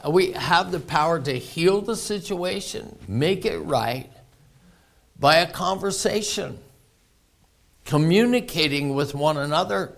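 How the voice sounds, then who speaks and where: Pastor, male, slow and gravelly, folksy storytelling sermon delivery. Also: fairly high pitch. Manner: folksy, anecdotal, laughs often.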